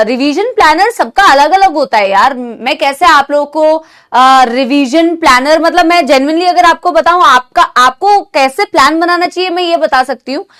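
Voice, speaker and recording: A young woman teaching a live online class with a sore throat from a cold, talking gently and affectionately to her students while mixing Hindi and English. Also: high voice. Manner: motherly, calls students "beta", mixes Hindi and English. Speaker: online NEET biology teacher.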